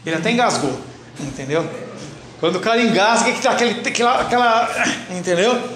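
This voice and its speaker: A man with a fairly high voice teaches a Bible class as pastor, blunt and teasing. His voice rings through a roomy church hall, with a faint hiss beneath it. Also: brisk, a bit bright. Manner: blunt, teasing, addresses listeners by name.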